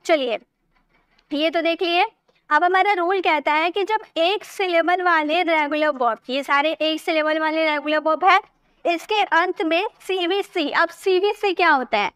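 A woman with a high, light voice teaches a grammar class. She speaks patiently, often drawing words out slowly syllable by syllable, and the recording is close and dry. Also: a bit bright, dry recording.

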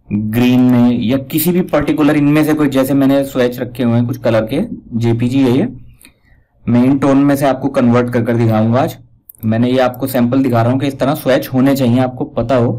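A man giving a casual step-by-step software tutorial, pointing out each step as he goes. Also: medium pitch, low-quality recording. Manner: talks step by step, repeats "dekhiye" while pointing things out. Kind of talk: casual screen-recorded tutorial.

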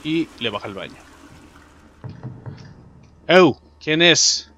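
Excitable Mexican gamer, rather high voice. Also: male voice, slow pace. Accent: Mexican Spanish. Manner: excitable and profane, shouting at enemies. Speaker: gaming YouTuber. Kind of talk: let's play commentary. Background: game music.

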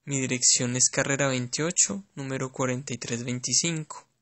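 A man with a Colombian Spanish accent giving a clear, steady scripted self-introduction for a language lesson. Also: medium pitch, normal speed.

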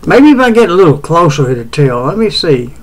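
A man's voice: on the high side, sing-song, brisk, rough recording. A middle-aged man with a West Tennessee Southern accent, hosting a casual home weather show, rambling with many fillers and restarts. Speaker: amateur weather show host.

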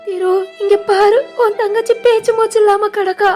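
A woman's voice: very high-pitched, monotone, measured pace, soft background music. A woman voicing a grief-stricken, middle-aged village mother who wails tearfully, with a Tirunelveli Tamil accent. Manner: tearful, wailing.

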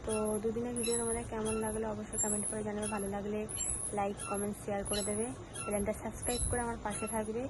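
A young woman with a cold and a sore throat, chatting softly to her viewers at home as a family vlogger. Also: medium pitch, little pitch movement, racing. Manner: soft-spoken, talking quietly while her baby sleeps. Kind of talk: casual chat to viewers. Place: at home indoors. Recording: noisy home recording.

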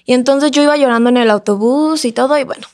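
Bright-voiced woman telling a story. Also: high voice, quick pace. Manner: animated, acts out the voices of others in her story. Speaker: podcast guest. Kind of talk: casual storytelling.

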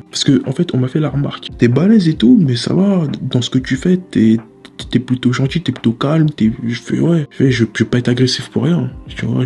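Young man, gravelly mid-pitched voice, laid-back slangy storytime monologue. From Paris area. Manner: relaxed, slangy, rambling with frequent "tu vois".

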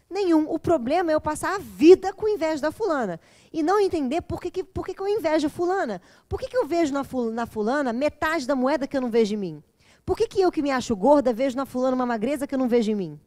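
A woman with a Brazilian Portuguese accent giving a chatty, animated classroom lecture as teacher and therapist, often checking in with her listeners. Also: high voice. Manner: animated, chatty, often adds "né?" and "gente", acts out dialogues. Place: classroom at a community center.

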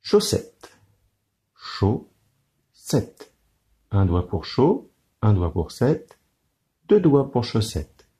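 A man giving a children's lesson on counting syllables, speaking slowly and clearly in a sing-song teacher's manner. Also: fairly low pitch, very animated, warm tone.

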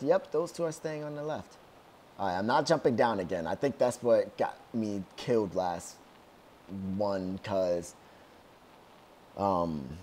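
A young man giving casual commentary on his own gameplay at home, excitable and yelling whenever things go wrong. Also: fairly low pitch, a little hiss or hum. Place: at home, outside his room.

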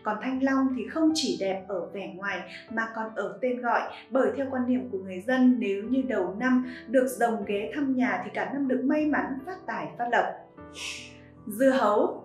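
A woman giving scripted narration in an even, listing tone. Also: a little high. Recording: roomy echo with faint music.

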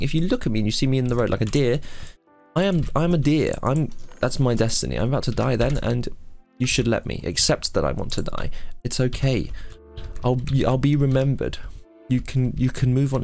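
A man's voice: mid-range voice, gravelly, a little mellow. Male let's-player, mid-range voice, playful and mock-dramatic. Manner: joking, theatrical asides, mock-dramatic. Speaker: gaming YouTuber. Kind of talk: let's play commentary.

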